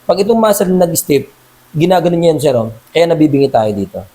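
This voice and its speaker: A man working as a massage therapist, talking a client through a treatment in a calm, reassuring way and calling him sir at every turn. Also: on the high side, fast talker, rough recording. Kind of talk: casual instruction during a hands-on treatment.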